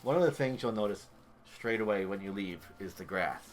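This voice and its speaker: A man's voice: lowish voice, animated, brisk, faint music behind. Chatty man commentating gameplay. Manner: chatty, enthusiastic, thinks aloud. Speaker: game streamer.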